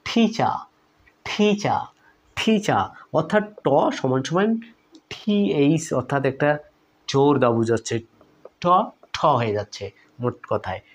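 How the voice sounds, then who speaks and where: A man's voice: medium pitch, sing-song, moderate pace. A man with a Bangladeshi Bengali accent teaching English pronunciation, who repeats example words several times with stress and asks the viewer questions. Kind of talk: lesson.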